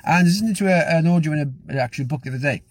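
Hosting his own show, a man talks to camera in a casual, upbeat motivational style, rambling and restarting often. His voice sits on the high side and comes out rapid-fire in a dry recording.

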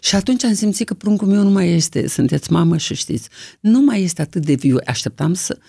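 An older woman from Romania, a singer with a deep, low voice, telling stories in an interview in a lively, expressive way. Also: vocal fry, husky, no echo, clean studio sound. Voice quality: low, deep singing-trained voice. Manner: lively, expressive anecdotal storytelling. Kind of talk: storytelling in an interview.

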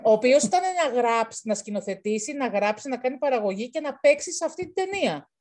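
A woman's voice: fairly high pitch, expressive, a little mellow. A woman chatting casually about a film, rambling with frequent restarts. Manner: rambling, restarts often, calls things chaos. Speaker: co-host. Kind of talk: casual film review chat.

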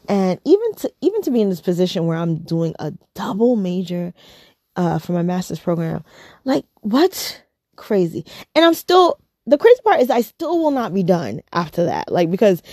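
A woman's voice: on the low side, creaky, dark tone, dry recording, clean studio sound. A woman in her thirties chatting casually to camera, rambling and repeating herself, tired and yawning. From United States. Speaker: vlogger.

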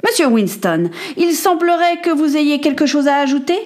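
A woman's voice: high-pitched, expressive, normal speed, pitched above the performer's own voice. A woman voicing a stern male ship captain who gives curt commands.

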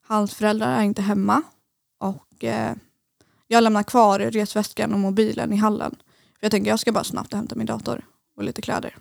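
A woman's voice: mid-range voice, vocal fry, no room sound, clean studio sound. A young woman guest on a podcast, telling a personal story in hesitant casual conversation with many fillers.

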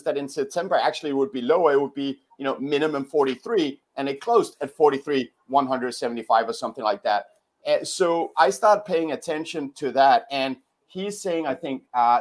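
A man joins a panel discussion as a guest, talking casually in a middle-pitched voice. He hesitates often and restarts his sentences as he gathers his thoughts. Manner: hesitant, many fillers and restarts. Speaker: guest commentator.

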